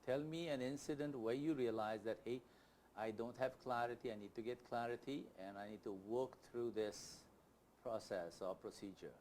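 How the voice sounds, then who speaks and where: Against slight background noise, a talk show host presses his guest with questions, voicing imagined first-person thoughts as he asks them. He speaks at a moderate pace in a medium-pitched voice with a darkish tone.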